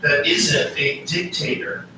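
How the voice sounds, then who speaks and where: A man's voice: fairly high pitch, steady tone, takes it slowly, recorded from a distance, background noise. Profane, ranting man in an echoey room. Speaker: podcast host. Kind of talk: casual podcast chat.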